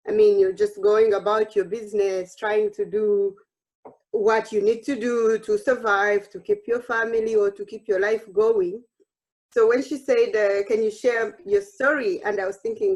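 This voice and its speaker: A woman from Uganda, speaking in a mid-range voice over poor audio, shares her personal story as a workshop speaker online. She is warm and earnest, with frequent restarts and moments of self-quotation.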